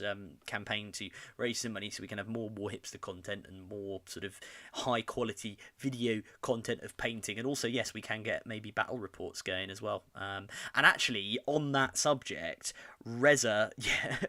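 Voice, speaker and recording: A man's voice: lowish voice, sharp tone, no room sound. A man co-hosting a casual hobby chat livestream, rambling and reading out viewer comments. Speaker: co-host.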